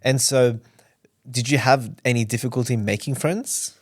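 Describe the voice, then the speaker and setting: Casting: male podcast host, playful interviewer, mid-pitched voice. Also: moderate pace. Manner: jokey, laughs often. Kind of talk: casual interview chat.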